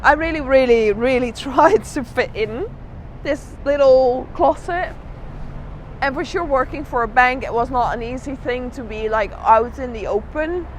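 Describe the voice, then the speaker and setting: A woman with a fairly high voice speaks as an interviewed drag artist. She tells her own story reflectively and leans on repeated words for emphasis. Faint city and vehicle noise sits behind her. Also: a little slow. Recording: noisy outdoor urban spot with traffic.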